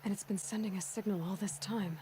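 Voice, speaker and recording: A woman's voice: mid-range voice, steady tone, fairly quick, background noise, close to an everyday voice. Aloy, a woman as an earnest young huntress. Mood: hushed, worried. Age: young adult. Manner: direct, inquisitive, dry. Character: earnest, determined young female machine hunter. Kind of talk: video game character acting. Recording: music under the voice.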